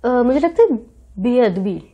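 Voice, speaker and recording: A woman with a high voice speaks as a guest in a sit-down interview. She answers earnestly and at length, stopping often to collect her thoughts. She slips English words into her sentences. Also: lively intonation, muffled recording. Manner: earnest, thoughtful, talks at length, with frequent pauses. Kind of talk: reflective interview conversation.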